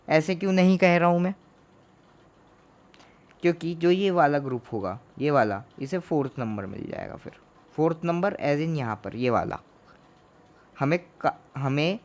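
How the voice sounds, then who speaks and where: A man teaching a chemistry lesson in Hindi, asking questions and answering them himself, repeating each term to drill it in. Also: medium pitch. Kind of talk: Hindi classroom lecture.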